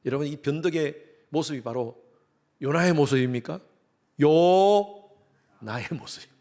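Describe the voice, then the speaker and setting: Animated Korean-speaking male pastor preaching. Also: fairly high pitch, a little slow. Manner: animated preaching, acts out quoted voices. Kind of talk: sermon. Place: church sanctuary.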